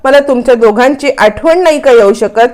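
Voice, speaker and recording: A woman's voice: fairly high pitch, normal speed, a little mellow, lightly acted. A woman voicing a self-assured young wife who speaks insistently, in a retold serial story. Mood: firm. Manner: insistent, reassuring.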